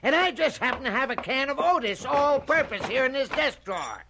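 A man's voice: extremely high pitch, sing-song, fairly quick, heavy background noise, full character voice. An actor playing a brash middle-aged American businessman who talks in a blunt, wisecracking, dismissive way. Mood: scoffing.

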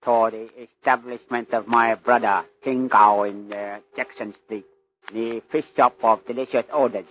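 An actor playing a very old Chinese man, a humble, fatalistic servant who speaks halting pidgin English in an old radio drama. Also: mid-range voice, fairly even intonation, natural voice. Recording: dull lo-fi old radio recording.

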